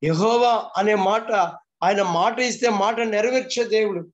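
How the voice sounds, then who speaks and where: A man with a high-pitched voice delivers a morning devotional sermon, pressing his points through repetition and rhetorical questions. His voice comes through the muffled, lo-fi sound of a video call. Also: a little slow. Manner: fervent preaching with repeated phrases and rhetorical questions. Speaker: pastor.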